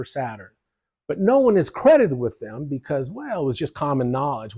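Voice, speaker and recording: A man presenting an illustrated history lesson, explaining in a lively, jokey way with casual asides. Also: medium pitch. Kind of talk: narrated history lesson over slides.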